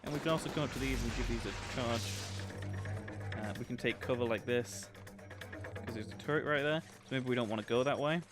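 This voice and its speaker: A man's voice: mid-range voice, a little fast, music in the background. A man giving casual, chatty, explanatory commentary as he streams a video game. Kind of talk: casual livestream gameplay commentary. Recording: game ambience noise behind voice. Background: video game ambience.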